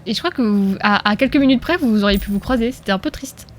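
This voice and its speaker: A woman streams a video game, giving casual live gameplay commentary and chatting playfully with her viewers while laughing often. Her voice is medium-pitched and she speaks fast.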